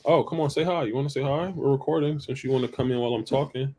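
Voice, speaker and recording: A man's voice: mid-range voice, quick pace, dark tone, husky. A man co-hosting a podcast, talking loosely through his ideas, repeating himself and checking in with "right?". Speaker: podcast co-host. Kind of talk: casual chat.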